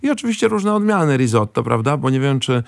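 A man chatting as a guest expert in a rambling way, often pausing with fillers and tagging questions onto his sentences. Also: medium pitch, big pitch swings, creaky, no room sound, clean studio sound. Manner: frequent hesitant fillers and restarts. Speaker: guest expert on Italian food. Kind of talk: casual chat.

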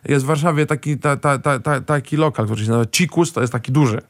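A man chatting as a guest expert in a rambling way, often pausing with fillers and tagging questions onto his sentences. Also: mid-range voice, no room sound, clean studio sound. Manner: frequent hesitant fillers and restarts. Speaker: guest expert on Italian food. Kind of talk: casual chat.

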